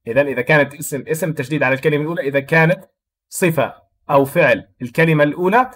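A man with a Jordanian Arabic accent explaining an English textbook lesson, reading English phrases slowly and then explaining them quickly in Arabic. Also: fairly high pitch, a bit bright. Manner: switches between slow read English and quick Arabic explanation. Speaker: English teacher.

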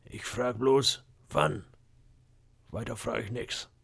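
A man voicing a grumbling, impatient pirate boatswain with a gruff, muttering manner. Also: mid-range voice, a little fast, fairly bright tone. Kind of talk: audiobook character voice.

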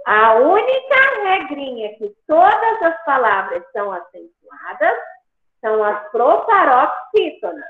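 A woman teacher gives a patient online grammar lesson, pausing to check that the class follows along. Her voice is high and swoops a lot, and she speaks slowly. It comes through a tinny, phone-like line from an echoey room. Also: sing-song. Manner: patient, repeats points with "tá?".

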